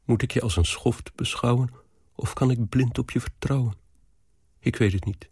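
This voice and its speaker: A man reading aloud as a lovesick, anxious young woman, in a low, earnest, pleading tone. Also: fairly even intonation, moderate pace, a little mellow, slightly rough, no room sound, studio quality.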